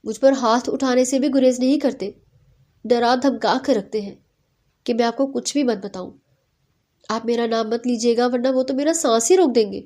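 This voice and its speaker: A woman voicing a quarrelsome young bride who complains in shrill, dramatic outbursts. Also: dark tone, natural voice. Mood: pleading.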